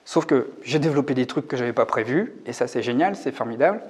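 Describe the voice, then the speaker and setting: A man in his forties, a coach talking to camera in a reflective, hesitant way, often pausing to think aloud. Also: medium pitch, expressive, slightly rough. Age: 40s. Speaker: YouTube coach on hypersensitivity. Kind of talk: casual talk to camera. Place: rented room.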